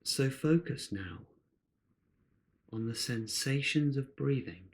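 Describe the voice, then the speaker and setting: A man guides a meditation gently and without hurry, using short phrases separated by long pauses. His voice is medium in pitch and animated.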